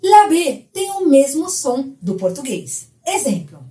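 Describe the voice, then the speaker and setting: A woman who is a Spanish teacher, explaining a language lesson in a clear, explanatory way. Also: high voice, big pitch swings, slow, dark tone, reverberant.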